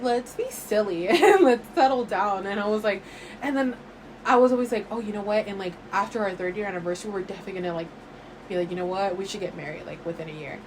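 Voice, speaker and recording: A woman's voice: medium pitch, fast. A woman in her early twenties co-hosting a podcast in casual chat. She talks animatedly, laughs often and acts out her past self in quoted asides. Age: early 20s. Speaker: podcast co-host. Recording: noisy background hiss.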